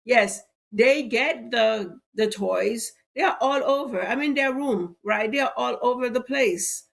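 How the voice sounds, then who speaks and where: This live-stream sales talk comes from a middle-aged insurance seller whose allergies make her sound stuffy and somewhat cracky. She speaks a little slowly with vocal fry, persuading her audience and repeatedly tagging lines with "right?"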